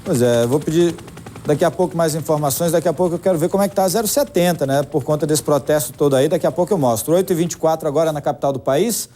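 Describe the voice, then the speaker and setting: A Brazilian man anchors live morning news, tossing to reporters and commenting loosely on what the camera shows. His voice is slightly high but mellow in tone. A light noise runs underneath. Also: quick pace. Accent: Brazilian Portuguese. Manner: chatty, commenting on live footage.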